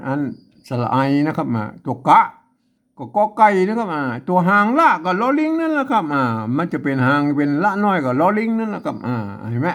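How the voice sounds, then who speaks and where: A man with a Northern Thai accent teaching a script lesson, full of "ah" fillers, asking "see?" and repeating words slowly to show how they sound. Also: high-pitched, very animated, a bit bright. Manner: many "ah" fillers and "see?" to the listener. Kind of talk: explaining Lanna script spellings.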